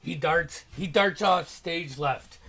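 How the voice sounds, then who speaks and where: Casting: male game master, higher-pitched voice, unhurried improvised tabletop narration, thoughtful pauses. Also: noisy background. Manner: halting, descriptive, pauses to think.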